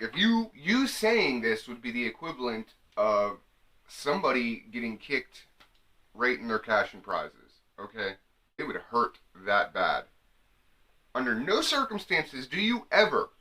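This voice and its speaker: A young man riffs through a comedy advice monologue. His voice is bright and lively, and his pitch jumps all over as he jokes. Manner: animated, jokey, slips into mock women's voices. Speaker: comedy vlogger. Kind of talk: comic advice monologue to camera.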